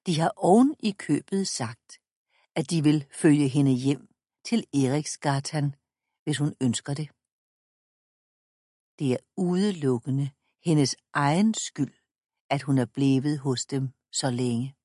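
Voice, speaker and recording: Female audiobook reader, calm measured children's storytelling, low and mellow. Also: no echo, studio quality. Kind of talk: reading a children's book aloud.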